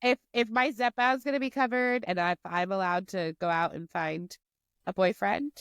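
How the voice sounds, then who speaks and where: A woman co-hosting a podcast, congested, speaking bluntly with profanity and halting restarts. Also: medium pitch, gravelly, a bit bright, clean tone, dry recording, studio quality. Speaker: podcast co-host. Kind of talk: casual chat.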